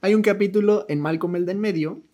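A man hosting a casual chat, talkative and quick to laugh. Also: high-pitched. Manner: laughs often, chatty and animated.

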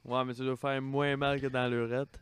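A man's voice: medium pitch, level tone, moderate pace, smooth, dry recording. A young man with a Quebec French accent in crude casual chat, laying out gruesome details in a matter-of-fact way.

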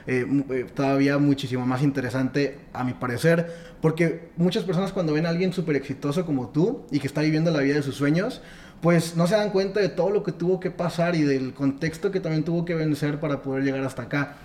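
A man's voice: a little high, steady tone, brisk, a little mellow, a little hiss or hum. A man hosting a casual interview, enthusiastic and building up his guest with long lists of praise. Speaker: podcast host.

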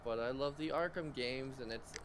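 A man's voice: medium pitch, normal speed. Joking man with faint hiss behind. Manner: joking, interrupts with quips. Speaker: podcast co-host. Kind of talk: casual chat among friends.

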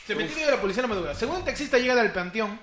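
Lively high-voiced Peruvian man telling stories. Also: very fast, reverberant, slight background noise. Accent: Peruvian Spanish. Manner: animated, slangy, laughing retelling of spooky stories. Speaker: podcast host. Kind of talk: casual storytelling chat.

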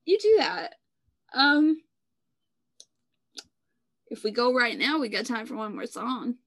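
A woman with a notably high voice co-hosts a casual podcast about music. She is chatty and playfully teasing, laughing often. Her voice sits close and dry on her microphone, with no room sound. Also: expressive, slow pace, fairly bright tone, no room sound. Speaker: podcast co-host. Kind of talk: casual chat reviewing songs. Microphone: own microphone while recording.

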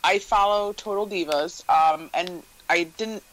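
A man's voice: sits high, measured pace, a bit bright, slight background noise, poor audio. A married man co-hosting a casual podcast, rambling and hesitant, often restarting his sentences. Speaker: podcast co-host. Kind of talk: casual chat.

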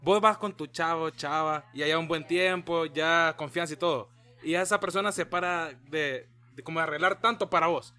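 A man's voice: on the high side, moderate pace, sharp tone. A man hosting a casual podcast chat, joking and steering the talk. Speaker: podcast host.

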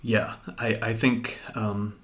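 A man's voice: on the low side, level tone, takes it slowly. A young man hosting a podcast, earnestly telling a personal story to his wife, reflective and full of fillers. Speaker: podcast host.

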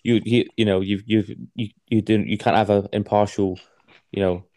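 Young guy, low mellow voice, rambling casual chatter with lots of swearing. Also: flat delivery, no echo. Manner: rambling, halting, swears a lot. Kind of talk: casual chat.

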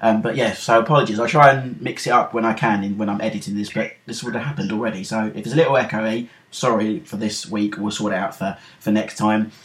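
A man's voice: fairly low pitch, steady tone, quick pace, hardly any pauses. A middle-aged British man hosting a podcast in an informal, rambling, self-deprecating chat style. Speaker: podcast host.

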